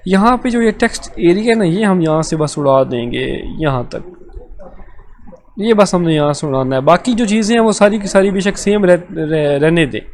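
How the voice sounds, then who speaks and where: A man's voice: fairly high pitch, a little mellow, slight background noise. A man with a Pakistani Urdu accent teaching a live online coding lesson, explaining step by step and checking in often. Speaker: programming tutor. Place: live online class session.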